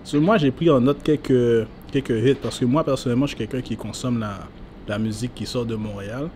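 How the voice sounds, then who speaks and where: Host guy, mid pitch, easygoing questions, bits of english thrown in. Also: a little fast, darkish tone, a little hiss or hum. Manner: friendly questioning, drops in English words. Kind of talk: casual interview.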